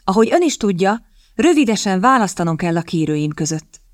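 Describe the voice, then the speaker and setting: A woman's voice: mid-range voice, big pitch swings, no echo, studio quality, natural voice. Woman voicing a coaxing, determined young lady. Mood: persuasive. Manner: persuasive, coaxing. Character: sharp, determined young woman seeking a husband.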